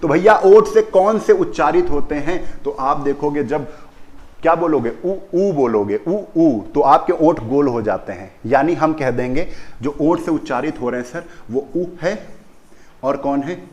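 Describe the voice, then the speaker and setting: A man's voice: on the high side, normal speed, a little mellow. A man teaching a grammar lesson in Hindi, who repeats key terms and keeps asking the children questions. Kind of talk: classroom lesson on pronunciation.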